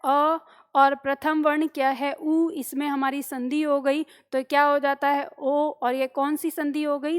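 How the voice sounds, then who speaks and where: A woman teaching an exam-prep lesson, explaining step by step, asking questions and answering them herself. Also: sits high. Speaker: Hindi teacher.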